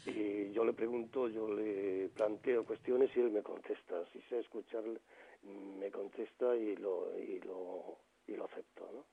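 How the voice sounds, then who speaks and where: The speaker is a Granada-born poet in his sixties, a telephone guest on radio, with a fairly low, creaky, slightly rough voice. He holds a steady tone at a measured pace while reflecting, frequently using fillers and starting sentences over.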